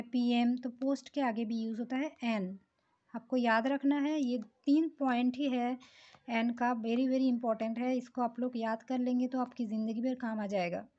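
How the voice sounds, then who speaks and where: A woman teaching English grammar in a classroom-style lesson. She explains slowly and patiently, mixes Hindi with English terms and often pauses on fillers and "okay". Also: a little high, warm tone. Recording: dull lo-fi recording.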